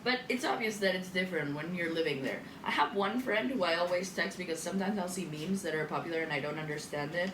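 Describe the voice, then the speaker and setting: A young Mexican woman with a fairly low voice chats fast, barely pausing, as she rambles animatedly through stories and swears while cooking in her home kitchen for a casual vlog. The camera sits far away, so the sound is roomy and distant with audible noise.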